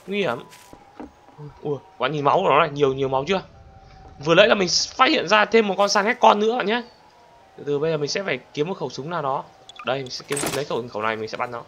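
A young man commentating a game, excitable and talking straight to viewers, bursting into panicked shouts. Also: fairly high pitch, fast talker, slight background noise. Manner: talks to viewers directly. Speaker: gaming channel host. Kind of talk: let's play commentary. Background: loud game music.

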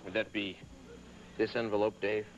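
An actor playing a smarmy, grudging sidekick and pitchman in a comedy sketch. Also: little pitch movement, moderate pace, lightly acted. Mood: grudging, droll. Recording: muffled noisy old VHS tape.

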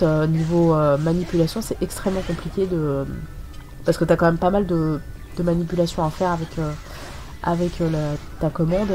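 A woman who runs a gaming channel talks casually over gameplay in a French accent, her rambling commentary riddled with hesitations and her nose stuffed from a cold. Her voice sits low with a darkish tone. Faint game music plays under the voice-over, along with a bit of hiss or hum.

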